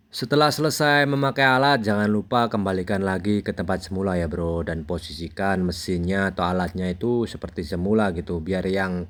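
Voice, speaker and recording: A young man narrating a casual gym vlog like a gym bro, addressing the listener as bro all the time. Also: on the low side. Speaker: fitness content creator.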